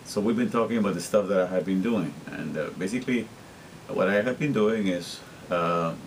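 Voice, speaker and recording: Here a Guatemalan vlogger in middle age, Spanish being his first language, speaks at normal speed with a low-pitched voice, and a little background noise can be heard. His personal monologue wanders, sounds earnest and repetitive, and is full of restarted sentences.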